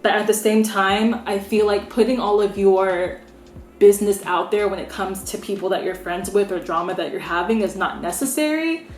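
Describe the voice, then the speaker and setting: A woman's voice: mid-range voice, moderate pace, soft background music. A young American woman giving her frank, opinionated take as a beauty vlogger, chatting casually with lots of "like"s. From United States. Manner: frank, opinionated, conversational with many "like"s. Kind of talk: candid opinion vlog. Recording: roomy echo.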